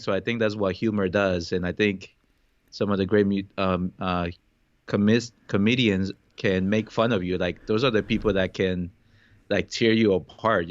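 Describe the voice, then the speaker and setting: A man co-hosts a casual podcast in a deep voice, talking playfully and loosely. His mic sounds dull and dry, with no room echo. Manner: playful, jokes with accents, loose. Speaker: podcast co-host. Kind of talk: casual conversation.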